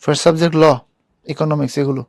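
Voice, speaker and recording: A man's voice: a little high, steady tone, racing, darkish tone, no echo, studio quality. A young man teaching an online admission class, talking casually and asking students questions. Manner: casual, chatty, addresses students directly, asks them questions. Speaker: university admission tutor.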